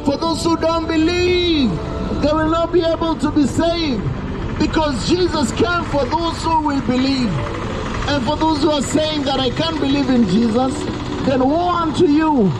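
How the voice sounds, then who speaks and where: A man, preaching an urgent open-air sermon by a busy road through a handheld mic and speaker. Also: extremely high pitch. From Kenya. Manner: loud, urgent preaching with drawn-out warnings. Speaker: street preacher. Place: roadside outdoors by a busy street. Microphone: handheld mic through a portable speaker, camera at a distance. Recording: street traffic noise, open air.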